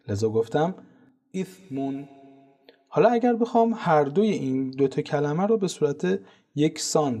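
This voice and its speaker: A man teaching Quran pronunciation, explaining calmly and methodically and chanting example words slowly. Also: medium pitch, husky. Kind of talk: instructional lesson on tajweed pronunciation.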